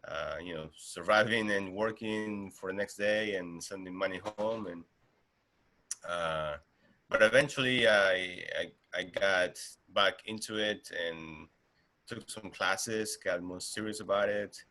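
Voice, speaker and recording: A man's voice: deep voice, unhurried, bright, forceful tone. A man in his thirties from Argentina, a guest artist talking casually in an interview, with many fillers and restarts.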